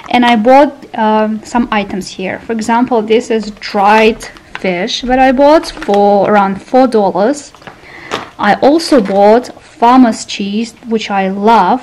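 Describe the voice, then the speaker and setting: A woman's voice: fairly high pitch, a little mellow, poor audio. A woman hosting a cooking channel, giving a grocery haul voice-over and listing each item and its price carefully.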